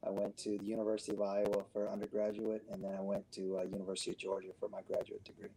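A man's voice: fairly low pitch, completely flat delivery, racing, dark tone, a little hiss or hum, poor audio. A man from Connecticut, a guest on a casual interview podcast, answering in an easygoing way with fillers.

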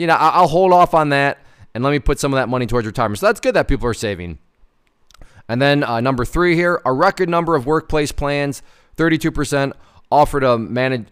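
A man in his thirties with a mid-range, clear, resonant voice hosts informal commentary on personal finance. He talks conversationally about an article, reading parts of it aloud, and drives his points home emphatically, often repeating words.

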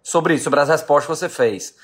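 A man's voice: on the high side, fast. A man in his late thirties from Brazil, a business owner giving an emphatic motivational talk to his live-stream audience, repeating his key questions. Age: 30s.

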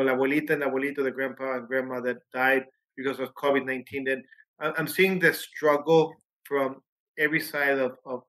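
A man's voice: mid-range voice, sharp tone, low-quality recording. A man from Mexico, a pediatrician answering interview questions animatedly with frequent restarts.

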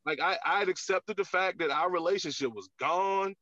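A man's voice: sits high, moderate pace, bright, forceful tone, dry recording. A man, a comedian guest on a podcast, talking candidly in casual chat with lots of filler words. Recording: dull, lo-fi, dry sound.

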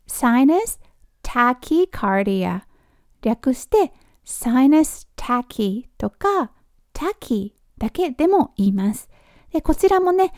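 A woman hosting a spoken lesson, explaining terms in a friendly teacherly way and slowly modelling words for the listener to repeat. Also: high-pitched, dry recording, studio quality. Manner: slow drawn-out model pronunciations between chatty explanations; teacherly, sprinkles soft tag words. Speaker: podcast host teaching medical English.

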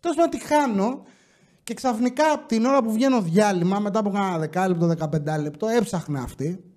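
Chatty high-voiced podcast host man. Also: a little mellow. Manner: chatty, joking, reads listener stories aloud. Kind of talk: casual storytelling podcast.

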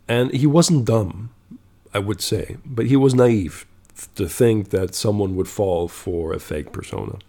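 A man's voice: fairly low pitch, unhurried, mellow. A man telling a story in a casual monologue, blunt and profane, growing exasperated and checking in with "okay?".

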